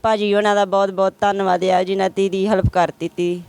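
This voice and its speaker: A woman, the mother of the bride, answers a reporter's questions in an even, flat tone. Her voice is clear and smooth as she names the absent relatives one after another. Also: mid-range voice, fast talker. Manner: lists missing relatives one by one. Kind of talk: emotional interview answers.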